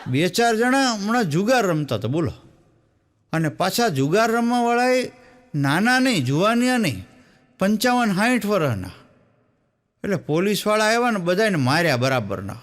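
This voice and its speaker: High-voiced man telling jokes. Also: sing-song, a bit bright. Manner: storytelling in quoted voices, with the audience laughing along; tosses quick asides to the crowd. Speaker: stand-up comedian. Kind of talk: Gujarati folk comedy storytelling on stage.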